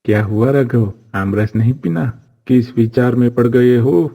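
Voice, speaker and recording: An actor playing a greedy, short-tempered village juice seller who scolds harshly, in a cartoon story. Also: male voice, mid-range voice, measured pace, gravelly, mellow. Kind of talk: Hindi cartoon voice acting.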